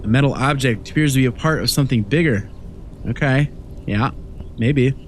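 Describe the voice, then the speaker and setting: At a moderate pace and mid-range pitch, a young man congested from a cold keeps up relaxed, rambling horror-game commentary as a host. It's an easygoing, chatty let's play recorded at night in his room, with faint hiss or hum.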